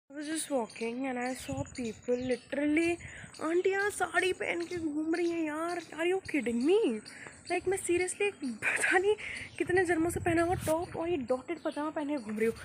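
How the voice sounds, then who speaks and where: Chatty high-voiced teen girl vlogging. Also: a little hiss or hum. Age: teens. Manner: chatty, self-mocking, mixes English into Hindi. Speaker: student vlogger. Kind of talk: casual Hinglish vlog chat. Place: outdoors on a morning walk, later at home.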